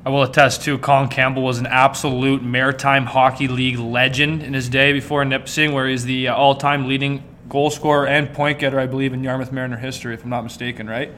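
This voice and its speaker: A man's voice: mid-range voice, little pitch movement, fast, hardly any pauses, a bit bright, a little hiss or hum. A man in his twenties hosting a casual podcast in a jokey, teasing way. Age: 20s. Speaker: podcast host.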